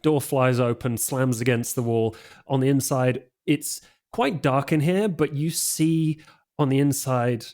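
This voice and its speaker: Male storyteller, slow unhurried delivery, casual tabletop narration, lots of ums. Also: medium pitch, darkish tone. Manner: slow, loose narration with many fillers.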